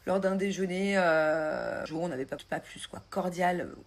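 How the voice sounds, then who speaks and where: A woman's voice: on the low side, normal speed. A woman from reality TV answering interview questions hesitantly, with many fillers. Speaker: reality TV personality. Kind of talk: interview clip.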